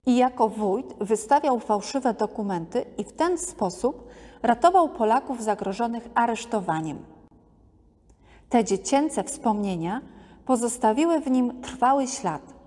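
A woman narrating a museum art-history podcast in a calm, measured scripted reading. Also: fairly high pitch. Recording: long hall reverb.

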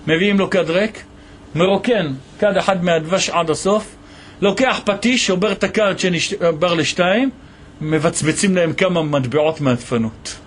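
A man teaching a Torah lesson as a rabbi, telling a story with animated voices for its characters. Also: high-pitched, slight background noise. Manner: animated storytelling, voicing the people in the tale.

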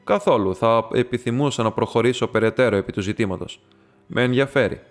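A man's voice: medium pitch, faint music behind, close to an everyday voice. A man reading aloud, voicing an irascible old male professor who speaks harshly and with hostility. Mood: curt hostile.

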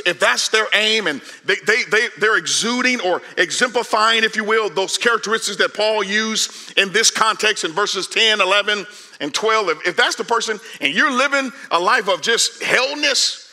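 A man in his forties preaching a sermon on a large church stage, animated and conversational, swinging from loud calls to hushed asides. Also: sits high. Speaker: pastor.

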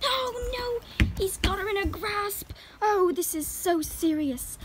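A woman hamming it up as narrator of a mock nature documentary, excitable and giggly. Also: very high voice, takes it slowly, heavy background noise.

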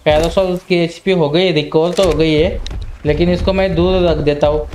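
Speaking at a normal speed in a higher register, this young gaming channel host talks casually through his gameplay, excitedly yelping in panic when something attacks him. There's a little hiss or hum on the audio.

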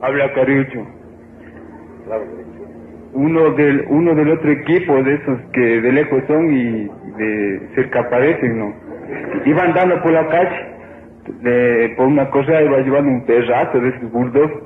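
A man's voice: medium pitch, a little slow, slight background noise. A man calling a radio show, rambling through a joke and doing voices. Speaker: radio caller. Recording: old tinny radio broadcast, echoey.

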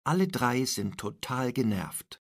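A man narrating a short story slowly and deliberately for language learners. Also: mid-range voice, very animated, dry recording, studio quality. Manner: clear, deliberate reading. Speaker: reader.

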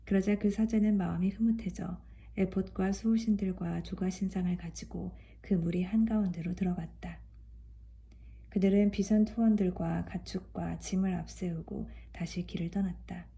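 A woman reading scripture aloud in a calm, even way. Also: on the low side, normal speed, vocal fry. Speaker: scripture reader.

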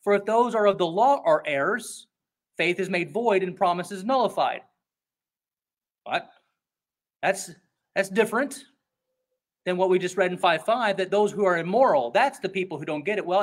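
Conversational, emphatic male pastor preaching. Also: high voice. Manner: conversational and emphatic, acts out quoted voices. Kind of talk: expository sermon.

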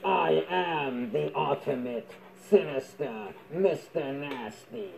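A man's voice: fairly high pitch, vocal fry. A man speaking through a snorkel mask at a swimming pool, joking around while reviewing gear. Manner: playful, jokey. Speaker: vlogger. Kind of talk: casual product review.

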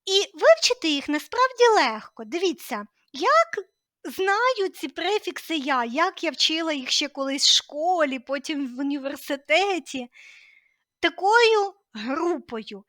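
High, lively woman teaching a language lesson. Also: unhurried, no room sound, clean studio sound. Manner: clear, patient explaining with lively emphasis.

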